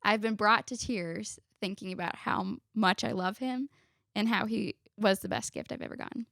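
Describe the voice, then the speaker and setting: Gravelly-voiced woman in her twenties. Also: mid-range voice, normal speed, fairly bright tone, no echo, studio quality. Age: 20s. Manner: chatty, laughs often, backtracks mid-sentence. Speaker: podcast guest. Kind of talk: casual family podcast chat.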